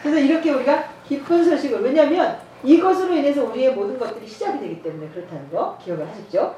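A woman's voice: high voice, animated, fast, mellow. A woman giving a sermon with a personal testimony. She acts out dialogue as she tells the story and laughs often. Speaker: evangelism trainer. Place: church. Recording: echoey church hall, mic at a distance.

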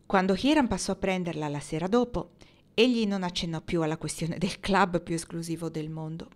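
Woman reading a novel aloud. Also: fairly low pitch. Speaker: audiobook reader.

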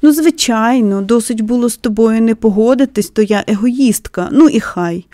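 A woman's voice: on the high side, moderate pace, warm tone, no room sound, studio quality, lightly acted. A woman voicing a stubborn, blunt young girl who snaps back curtly in a storybook reading. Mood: retorting. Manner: curt, scolding.

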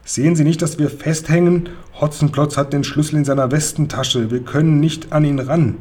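A man voicing a cheeky young male puppet hero who speaks up urgently, a little higher than his own voice. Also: fairly even intonation, moderate pace, mellow, natural voice.

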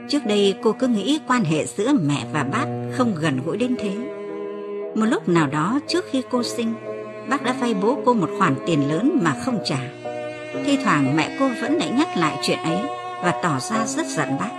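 A woman narrating an audiobook novel in an expressive reading voice. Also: medium pitch, normal speed, loud music behind the voice. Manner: expressive reading, lifts her voice for quoted cries.

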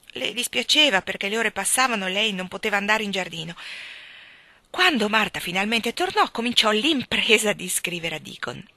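A woman reading a classic children's novel aloud in calm, measured storytelling. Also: medium pitch, vocal fry, dry recording. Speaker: reader. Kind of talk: audiobook narration of a classic novel.

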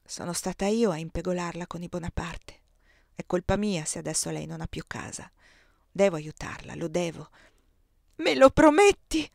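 A woman audiobook reader narrating a novel in the first person, expressive, dropping to a soft hush at quiet moments. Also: on the low side, moderate pace, creaky, dry recording, clean studio sound.

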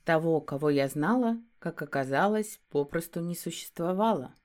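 A woman's voice: deep voice, animated, moderate pace, a little mellow. Woman narrating a first-person audiobook.

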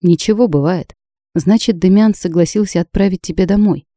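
A woman's voice: lowish voice, normal speed, no echo, studio quality, lightly acted. Woman doing a soothing merman. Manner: gentle, pleading, soft. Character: worried kind merman man, soothing.

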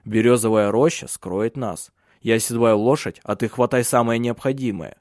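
A man voicing a steady, protective husband and father in an audiobook. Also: mid-range voice, normal speed, no echo, studio quality, natural voice. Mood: urgent. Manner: firm, commanding.

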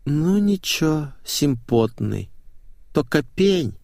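A man's voice: fairly high pitch, big pitch swings, takes it slowly, creaky, darkish tone, dry recording, studio quality, voice pushed up, exaggerated voice. A man voicing a bored, vulgar young woman singer with a lazy, whiny drawl, in an audiobook.

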